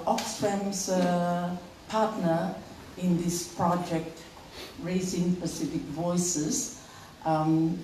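Slow, halting woman in an echoey hall. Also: lowish voice, dark tone. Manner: slow and halting, many fillers. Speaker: panel speaker for a women's NGO. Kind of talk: formal panel remarks. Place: event hall. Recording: echoey hall, distant mic, faint noise.

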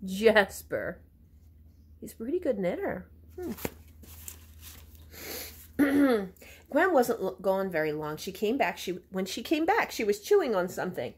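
A woman's voice: medium pitch, very animated, a little slow, pauses often, a little hiss or hum. A woman reading a children's book aloud, breaking off for chatty asides and to show pictures. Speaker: storybook reader.

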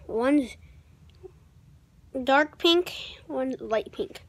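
A woman's voice: high voice, no room sound. A young female vlogger talking casually to viewers while chewing gum. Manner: casual, unhurried, talks to viewers. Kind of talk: casual snack taste-test vlog.

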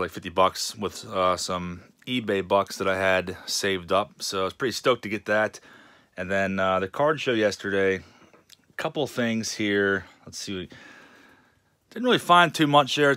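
A man casually narrating a show-and-tell of his card collection, relaxed and rambling with many fillers. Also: fairly low pitch, no echo, studio quality.

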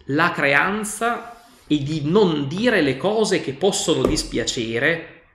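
A man's voice: a little high, animated, takes it slowly, fairly bright tone, voice pushed up, full character voice. A man reading aloud as a fearful, fussy old village priest who scolds anxiously. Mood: scolding. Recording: roomy echo.

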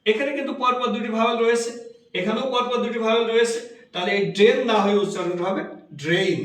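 A man with a Bangladeshi Bengali accent and a high voice teaches a pronunciation class. He talks slowly and repeats himself, spelling words out letter by letter. The sound is distant and heavily echoed, as if he were recorded from across a bare room. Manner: slow, repetitive, spells out letters and stretches words. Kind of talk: classroom lesson.

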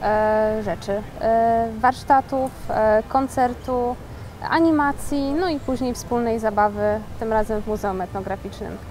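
A woman's voice: a little high, measured pace, darkish tone, slight background noise. A young woman from a dance association answering interview questions casually, often starting with fillers. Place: studio set in a shopping mall. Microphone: lapel.

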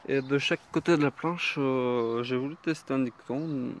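A man with a mid-pitched voice shows viewers around his vegetable garden in a loose, relaxed ramble. He pauses often and fills the gaps with hesitations as he goes from bed to bed. Faint outdoor noise, birds and insects sit behind his voice. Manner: unhurried, hesitant, many fillers. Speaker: home gardener giving a garden tour. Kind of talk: casual spoken garden tour.

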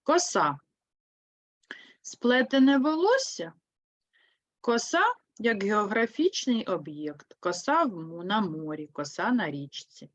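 A woman teaching an online lesson for third graders, with a Ukrainian accent, speaking slowly and clearly and putting lively stress on key words. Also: medium pitch, no echo. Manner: slow, clear, explains with lively emphasis. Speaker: primary school teacher.

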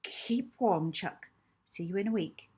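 A woman's voice: on the low side, a little slow, warm tone, breathy edge. A woman putting on a stammering, fussy old caretaker. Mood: fretful, fond. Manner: stuttering, fussy and affectionate.

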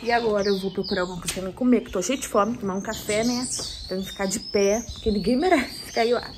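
A young Brazilian woman talks casually to her vlog viewers at a middling pitch. She is wearing a retainer, which gives her words a slight lisp. The phone recording picks up clear room noise behind her. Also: fast. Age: 20s. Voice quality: slightly lisping speech from wearing a removable retainer. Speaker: vlogger. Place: small bedroom and tiled kitchen indoors.

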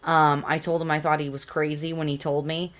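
A woman's voice: deep voice, little pitch movement, brisk, a bit bright. A woman in her thirties hosting a casual livestream talk show from a small home studio, chatty and greeting viewers by name. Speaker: show host. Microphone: desk condenser mic.

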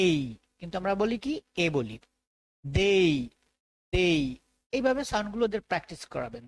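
Bangladeshi woman drilling English sounds. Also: mid-range voice. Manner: slow drilled repetition of sounds. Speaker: teacher. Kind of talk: phonics lesson for teachers.

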